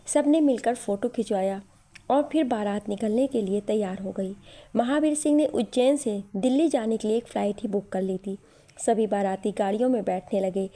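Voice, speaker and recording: A woman narrating an emotional family story in a steady storytelling manner. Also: on the high side.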